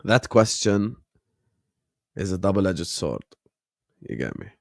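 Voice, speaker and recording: A man from the Gulf, late twenties, runs a football watchalong live stream with slangy, relaxed chat, reacting to the match, reading chat, chuckling often and talking straight to viewers. He sits low with big pitch swings and a gravelly texture, taking it slowly. The recording is studio quality with no echo.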